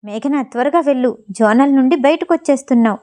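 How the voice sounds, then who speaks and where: Woman reader doing a pushy young gamer, fast scolding. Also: very high-pitched, a little mellow. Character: young male gamer, loud and bossy.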